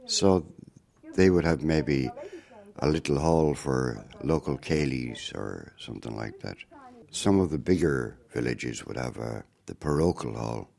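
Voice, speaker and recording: An older Irish man, a former circus performer, telling family memories in an unhurried storytelling way. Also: a bass voice, animated, vocal fry, a little mellow. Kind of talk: reminiscing interview narration.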